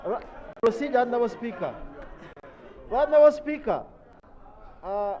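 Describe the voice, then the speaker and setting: A Ugandan man with a very high, lively voice makes an insistent parliamentary argument. The live-stream sound is dull, with some chamber voices behind him. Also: moderate pace, a faint crowd. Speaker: member of parliament. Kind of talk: parliamentary debate speech.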